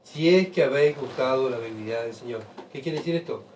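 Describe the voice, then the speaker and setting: A man preaching a sermon, asking rhetorical questions and swinging between soft asides and loud emphatic bursts. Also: medium pitch, fast talker, slight background noise. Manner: rhetorical questions, keeps asking the congregation "¿verdad?". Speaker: pastor. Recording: voice picked up from far off.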